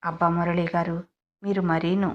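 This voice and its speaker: A woman voicing a shy, bashful young bride who speaks softly. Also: on the low side, little pitch movement, normal speed, highs cut off, natural voice. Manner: soft, bashful.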